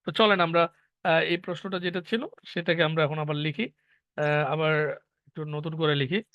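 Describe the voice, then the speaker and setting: A man's voice: a little high, steady tone, normal speed, no echo. Man teaching an online class. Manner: explains step by step, asking students questions. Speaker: English teacher. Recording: dull lo-fi online class audio.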